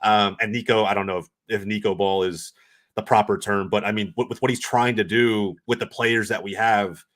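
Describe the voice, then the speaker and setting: A man talking as a guest pundit on a casual football podcast, analysing quickly with many restarts and "right?" asides. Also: fairly low pitch. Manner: fast, animated analysis with restarts and "right?" tags.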